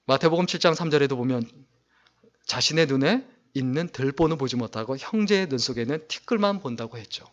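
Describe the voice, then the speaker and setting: Animated male pastor preaching a sermon. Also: medium pitch, brisk, muffled recording. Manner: animated preaching, rising to loud emphasis on key points; reads scripture aloud in a raised declaiming voice.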